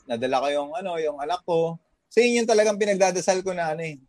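A man's voice: fairly high pitch, quick pace, a crowd in the background. A man from the Philippines, a fitness trainer working abroad, chatting casually as a podcast guest in a motivational way, full of fillers and tag questions.

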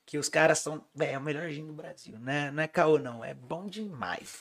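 A man with a high voice speaks as a guest in a casual chat. His delivery is informal and full of slang, like a musician talking shop among friends. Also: brisk, a bit bright.

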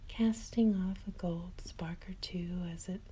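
A woman host whispering a calm, slow sleep story, close to the mic. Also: fairly low pitch, a little hiss or hum.

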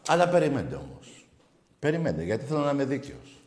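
Male sports radio host, taunting and foul-mouthed, very animated pitch, echoey room. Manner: mocking, provocative, swears freely. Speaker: call-in sports show host. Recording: roomy echo.

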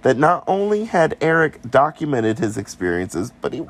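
A man's voice: medium pitch, big pitch swings, moderate pace. A man co-hosting a podcast, casually retelling a ghost story and slipping into silly voices for the people in it. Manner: playful, drops into silly voices for quoted people. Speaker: podcast co-host.

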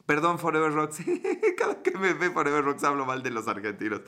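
A Mexican man with a bright, forceful voice chats casually on a livestream. He sits a little high in pitch, swears freely and banters with his viewers as he answers their comments. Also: big pitch swings, a little fast. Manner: loose and profane, joking with viewers. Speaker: livestream host.

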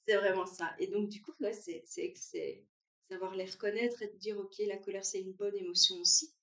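A woman chatting at a brunch, lively, often acting out what others say. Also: mid-range voice, moderate pace, recorded from a distance. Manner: animated, acts out what others say. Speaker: guest sharing her story. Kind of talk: casual chat. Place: room at a brunch. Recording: roomy sound, away from the mic.

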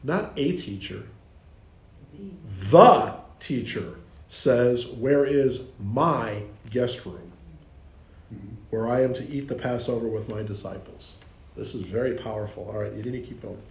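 Guy leading bible study, gravelly voice, echoey room w/ faint background hum. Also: mid-range voice. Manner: explains with pauses and restarts, asks the group questions.

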